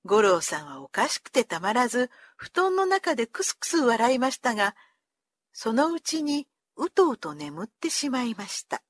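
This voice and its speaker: A high-voiced woman reads a children's story aloud, her pitch leaping and falling with the tale. She acts out each character as she goes, and the sound is close and dry, with no room around it. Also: big pitch swings, moderate pace, no room sound.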